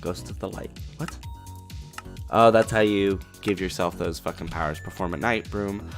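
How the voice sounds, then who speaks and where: A man hosting a video game let's play, commenting in a profane, excitable and jokey way. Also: deep voice, normal speed, faint music behind.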